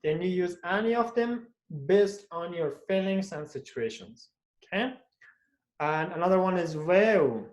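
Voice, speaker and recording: Teaching English in a live online class from home at night, a man adds "okay?" after most phrases and acts out every example interjection. His voice sits high and is expressive, his pace measured, and the sound roomy.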